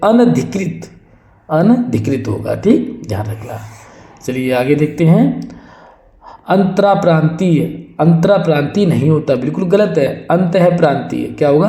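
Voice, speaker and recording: A male Hindi teacher runs an exam-prep spelling drill with a mellow voice pitched a little high. He says each word over and over, then fixes the wrong spelling. The recording is roomy and echoey. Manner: drills words by repeating them, then correcting; asks the class rhetorical questions.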